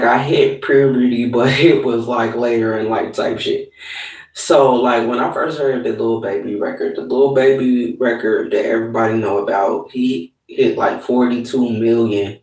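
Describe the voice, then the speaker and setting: A man talking off the cuff in a loose, profane, rambling way, full of "uh" and "like". His voice sits at an everyday middle pitch. It bounces around a small hollow bathroom, and the mic is set back from him. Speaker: host of a livestreamed talk show. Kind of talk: casual monologue to live viewers. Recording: hollow echoey room, distant mic.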